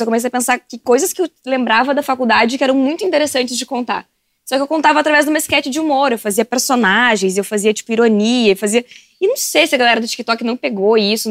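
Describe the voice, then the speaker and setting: A woman, an animated guest telling stories on a podcast and laughing often. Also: a little high, dry recording, studio quality. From southern Brazil. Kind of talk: casual podcast chat.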